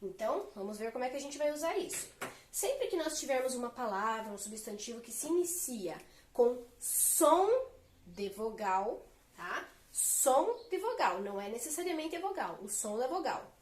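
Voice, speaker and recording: A woman with a high voice teaches English grammar at a whiteboard. She explains step by step and keeps asking her students rhetorical questions. The sound is roomy and echoey. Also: very animated, normal speed. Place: room with a whiteboard.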